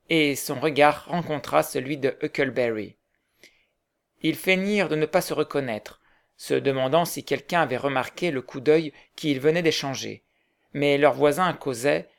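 A man narrating a novel aloud in measured storytelling. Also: fairly high pitch, gravelly. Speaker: audiobook narrator. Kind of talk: scripted narration.

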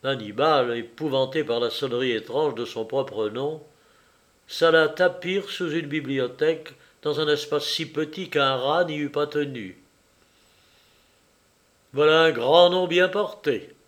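A man reading a literary novel aloud in a measured, wry and reflective storytelling manner. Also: medium pitch, a bit bright. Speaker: audiobook reader. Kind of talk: literary audiobook narration.

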